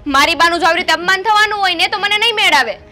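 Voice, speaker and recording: A young woman with a Gujarati accent playing a sharp-tongued, demanding daughter-in-law. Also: extremely high pitch, racing, soft background music. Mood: indignant. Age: young adult. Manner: demanding, shouting at in-laws.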